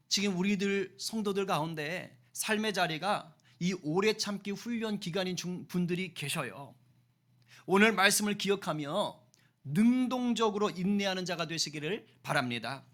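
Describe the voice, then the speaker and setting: High, bright-voiced male pastor preaching. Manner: animated preaching with acted-out quotes and rhetorical questions. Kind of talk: sermon.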